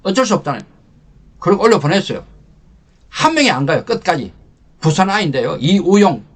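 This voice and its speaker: An older man, a lecturer and channel host, tells an emotional personal war story as a leadership talk, swinging from loud to hushed. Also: sits high, very animated, fairly quick, slightly rough.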